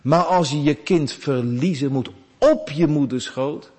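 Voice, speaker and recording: Preacher in an echoing church. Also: male voice, on the high side, measured pace. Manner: dramatic storytelling, swings from hushed to loud. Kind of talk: sermon. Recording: long reverb of a church hall.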